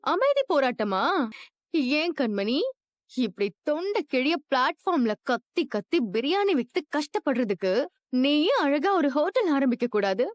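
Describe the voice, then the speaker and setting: A woman's voice: high voice, very animated, a little slow, no room sound, clean studio sound. A woman voicing a mocking young woman who teases the heroine in a drama dub. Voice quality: teasing, mocking.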